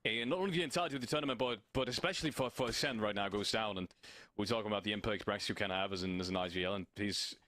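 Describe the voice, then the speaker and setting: A man's voice: fairly low pitch, very fast, pushed and bright, no room sound. A man giving live esports color commentary, analytical, often restarting and repeating words as he thinks. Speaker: esports caster.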